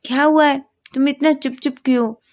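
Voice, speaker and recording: A woman's voice: fairly high pitch, moderate pace, darkish tone, natural voice. A woman voicing a reserved young man in a storybook reading, who asks short, concerned questions.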